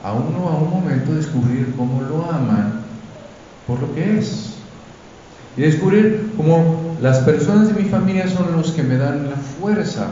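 A man preaching a Sunday homily, unhurried, searching for words and checking in with the congregation. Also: fairly high pitch, animated, mellow. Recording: echoey church hall, dull sound, faint noise.

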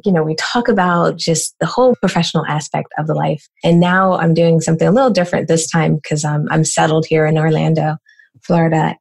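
An American woman answering interview questions as a business coach, explaining in a brisk way with lots of rhetorical questions. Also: low-pitched, vocal fry, darkish tone. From United States.

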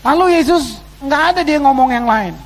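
A man preaching a sermon to his congregation, swinging between loud exclamations and quiet asides. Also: extremely high pitch, expressive, normal speed, poor audio. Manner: addresses the congregation as "saudara". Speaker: pastor. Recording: faint background noise and hum.

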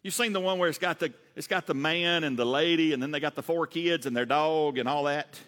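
A man in his late fifties with a Southern US accent, a pastor preaching a sermon fast and animated, asking the congregation questions. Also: fairly high pitch, big-room sound. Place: church sanctuary.

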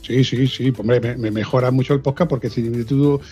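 A man from southern Spain co-hosting a podcast in casual chat, animated and acting out the lines he quotes. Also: mid-range voice, moderate pace, slightly rough, faint music behind. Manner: animated, acts out quoted dialogue. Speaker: podcast co-host. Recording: dull lo-fi recording.

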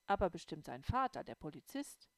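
A woman's voice: lowish voice, big pitch swings, fairly quick, no echo. A woman reader voicing a worried, clever young girl who explains things earnestly in an audiobook. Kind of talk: audiobook reading.

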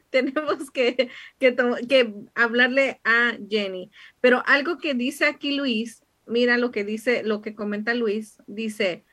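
A woman's voice: on the high side, slow, pushed and bright. Woman hosting, playful questions. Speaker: talk show host reading viewer comments. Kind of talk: casual talk show hosting.

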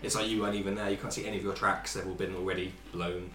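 A man narrates a tabletop role-playing game as its game master, his voice sitting low. He talks in an easygoing way, fixing his own words mid-sentence. The room around him rings with echo. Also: little pitch movement, rapid-fire, bright, forceful tone. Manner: easygoing, self-correcting narration with frequent throat clearing.

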